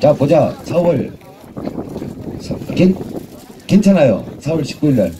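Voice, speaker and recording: A man emceeing a street performance at an outdoor festival, teasing the crowd with crude jokes and shouting music cues. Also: on the high side, sing-song, a little slow, noisy background.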